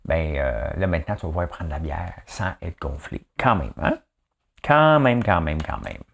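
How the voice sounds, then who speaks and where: A low-voiced Québécois man talks through the daily news in a loose, chatty way. His pitch swings up and down as he jokes and wanders into asides, full of fillers. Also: normal speed, gravelly, breathy edge. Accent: Québécois French. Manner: chatty and animated, joking asides, many fillers. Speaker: host of a daily news commentary show. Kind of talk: casual news commentary. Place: rural home in the countryside.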